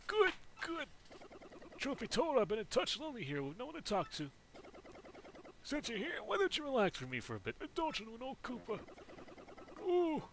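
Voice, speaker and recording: A rambling, forgetful old turtle. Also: male voice, very high voice, a bit bright, slight background noise, voice pushed up, heavily acted. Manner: rambling, keeps losing his train of thought.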